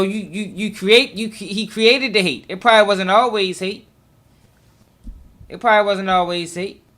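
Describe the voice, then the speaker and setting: A man's voice: high voice, fairly bright tone. A man giving informal commentary in an emphatic, repetitive, slangy way. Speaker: recap commentator.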